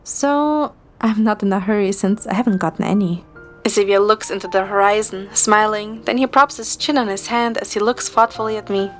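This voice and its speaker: Set against music, this young woman's moderately paced, mid-range voice carries a first-person love story, with her acting out the characters' lines as an amateur narrator and voice actor.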